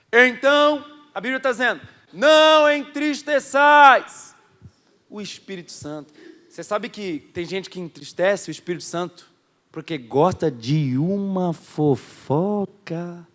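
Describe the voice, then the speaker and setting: A high-pitched male pastor preaches to his congregation. He drives his points with sudden loud bursts, then drops into quiet, confiding asides. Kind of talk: sermon. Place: church hall before a congregation.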